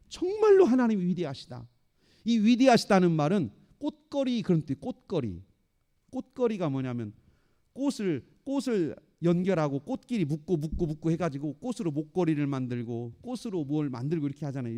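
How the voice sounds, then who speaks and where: A male pastor preaching a sermon in an animated way, acting out the voices he quotes. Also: on the high side.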